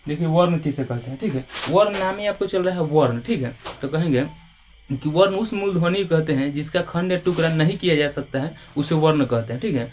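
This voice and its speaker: A man's voice: a little high, a little fast, a little mellow, a little hiss or hum. A male teacher giving a patient, repetitive grammar lesson, checking in with students after nearly every phrase.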